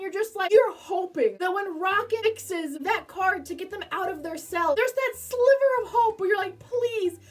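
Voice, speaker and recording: A woman reviewing a film in a casual vlog, emotional and gushing, full of "like" fillers, her voice a little distant from the mic. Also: very high-pitched. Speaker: movie reviewer.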